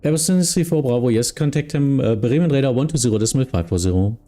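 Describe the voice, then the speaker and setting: A man streaming as an air traffic controller, mixing procedural clearances with casual chat. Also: medium pitch, animated, fast, dark tone, faint music behind.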